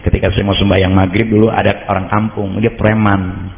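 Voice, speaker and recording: A man with a Betawi accent preaching at a mosque study gathering, telling stories in casual speech and getting excited as he goes. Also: a little fast, vocal fry. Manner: storytelling in colloquial Jakarta speech, rising pitch in excited moments. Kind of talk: informal religious study talk. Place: mosque hall. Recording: roomy mosque hall, muffled sound.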